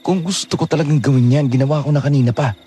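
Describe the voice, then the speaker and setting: A man's voice: fast, soft background music, close to an everyday voice. A man playing a secretive, protective young man. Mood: pleading. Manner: low, urgent, hushed warnings. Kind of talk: Filipino horror audio drama.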